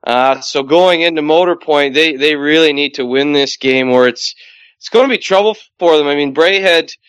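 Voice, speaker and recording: A man with a Canadian accent, a hockey commentator, talking through the league in a quick, rambling way with many fillers. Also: fairly high pitch, a bit bright, smooth, no echo, dull audio. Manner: fast, rambling analysis with fillers. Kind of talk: casual sports chat.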